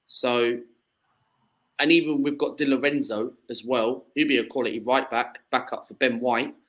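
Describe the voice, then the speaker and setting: A podcast guest in his twenties, a football fan from southeast England, chats casually and rambles with lots of fillers and false starts. He speaks at a moderate pace in a mid-range, fairly bright voice with fairly even intonation, captured on a rough recording.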